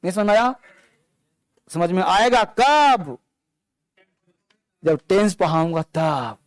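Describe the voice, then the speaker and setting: A man's voice: sits high, expressive, slow pace, dry recording. A man teaching an English class, explaining grammar and calling out instructions to his students. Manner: instructive, calls on students and drills them.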